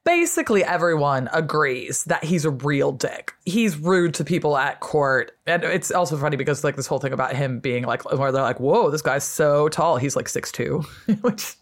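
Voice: mid-range voice, lively intonation, moderate pace, few pauses. Chatty guest historian, filler-heavy. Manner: chatty, many fillers, acts out quotes. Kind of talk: casual history storytelling.

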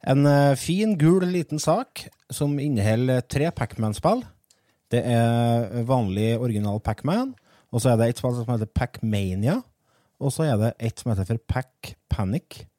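A man's voice: mid-range voice, expressive, dark tone, dry recording, studio quality. A man of forty presenting a podcast in a casual, chatty style. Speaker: podcast host.

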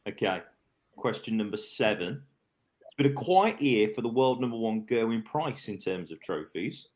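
A man hosts a relaxed online panel chat, reading out quiz questions at a measured pace. He ribs the other panelists between questions. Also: lowish voice. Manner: reads quiz questions slowly, teases panel. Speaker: quiz host of a darts podcast.

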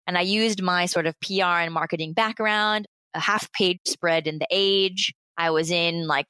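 An American woman in her late thirties talks as a podcast guest, upbeat and chatty, quick to laugh. Her voice sits a little low. The sound is close and dry, with no room around it. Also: pushed and bright, dry recording. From United States. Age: late 30s. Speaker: guest, founder of a play consultancy. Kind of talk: casual interview chat.

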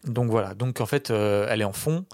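A man's voice: fairly low pitch, a little fast, a little mellow, dry recording, studio quality. A man defending his film pick on a podcast, talking with lots of hesitations and restarts. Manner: hesitant, many fillers and restarts. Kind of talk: casual film podcast chat.

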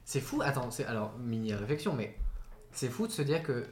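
A young man chatting casually on a podcast, trading dry remarks and musing aloud. His pitch is ordinary. The recording has a roomy echo. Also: animated, fairly quick, slight background noise. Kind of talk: casual chat among friends.

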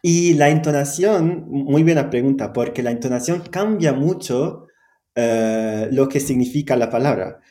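A man's voice: mid-range voice, measured pace, dark tone, echoey room. A man whose first language is Arabic, speaking Spanish as a guest teacher, hesitant with many fillers and frequent laughs. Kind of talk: conversational interview.

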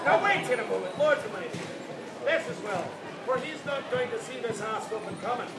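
A blustering Scottish Highlander declaims in olde renaissance fair speech, pitched very high and theatrical. He pauses for effect, and the sound is distant and echoey amid a loud crowd. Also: lively intonation, heavy background noise. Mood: boastful. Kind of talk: mock-archaic renaissance fair speech, shouted stage show.

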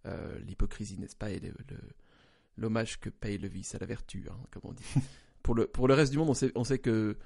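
A man with a gravelly, broken, slightly wheezy hoarse voice, talking conversationally and haltingly as he searches for words. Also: lowish voice, a little mellow. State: hoarse for a few days. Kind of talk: conversational opinion discussion.

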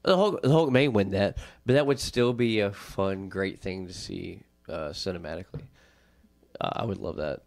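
A man's voice: low-pitched, normal speed, gravelly, darkish tone. A man hosting a casual chat, laid-back and laughing often, hedging his opinions. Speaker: host. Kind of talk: casual chat about fictional matchups.

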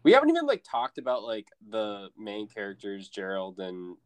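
A man co-hosting a casual movie podcast, animated and laughing as he retells scenes. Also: fairly low pitch, moderate pace, clear, resonant tone, no room sound. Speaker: podcast co-host.

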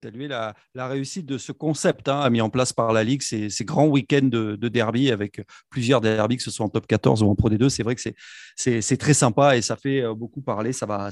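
A man with a mid-pitched voice hosts a relaxed sports discussion, chatty and a little teasing. The sound is close and dry. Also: no echo. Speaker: rugby show host. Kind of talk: casual sports talk hosting.

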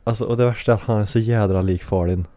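Joking Swedish man with a dark voice. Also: lowish voice, no room sound. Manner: animated and joking, with frequent restarts. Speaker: podcast co-host. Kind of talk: casual chat.

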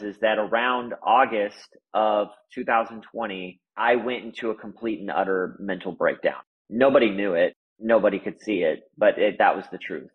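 Male guest, lowish husky voice, earnest casual storyteller, lo-fi audio. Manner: earnest, loose talk with frequent "like" and "right?". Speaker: business founder guest.

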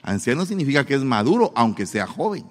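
A man preaching a sermon with humor, animated and playful, acting out the voices he quotes. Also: mid-range voice, fast, long reverb tail.

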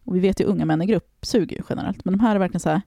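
A woman casually telling a story on a podcast, animated, swearing and acting out the people she quotes. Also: fairly low pitch, gravelly, no echo, clean studio sound.

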